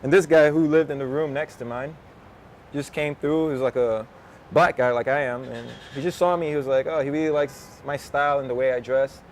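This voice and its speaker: A man's voice: medium pitch, steady tone, fairly quick, a little hiss or hum. A man in his twenties, a rapper, chatting casually and slangily in an interview outdoors, often laughing and drifting off topic. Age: 20s.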